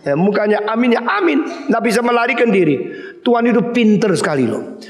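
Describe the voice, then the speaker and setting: An older man from Indonesia preaching a sermon as pastor, animated storytelling that acts out dialogue with sudden high bursts. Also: a little fast, roomy sound.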